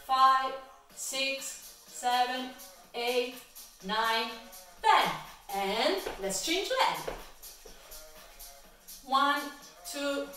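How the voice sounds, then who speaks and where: A woman's voice: sits high, sharp tone. A woman instructor leading a guided exercise class, encouraging and counting repetitions aloud. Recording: echoey room, from far off, faint music.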